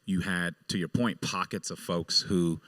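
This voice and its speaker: A man's voice: deep voice, fairly even intonation, measured pace, a bit bright, no room sound. A man hosting an interview, asking questions in a friendly, conversational way.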